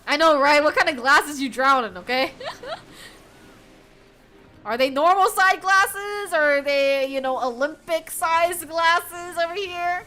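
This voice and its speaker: This young American streamer talks casually with her chat as she plays, animated and giggly, breaking into laughter again and again. Her high voice keeps a measured pace over faint game music.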